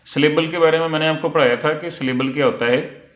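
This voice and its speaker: A man's voice: on the high side, steady tone. Male English tutor, patient and methodical, tinny and echoey home recording. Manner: slow, patient explaining, reading English phrases slowly then translating. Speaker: English teacher. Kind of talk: online lesson explaining multiple-choice questions. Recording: echoey, tinny phone-like audio.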